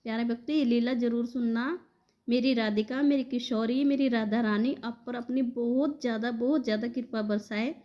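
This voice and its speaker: High-voiced woman recounting a devotional vision. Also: steady tone, normal speed, dull audio. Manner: warm devotional address, conversational retelling. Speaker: devotional storyteller. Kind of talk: narrating a spiritual vision to devotees.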